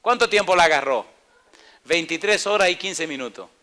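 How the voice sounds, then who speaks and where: A male pastor preaching with a bright, somewhat high voice. He fires questions at the congregation and acts out the people in his story with playful voices. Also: lively intonation, normal speed. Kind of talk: sermon.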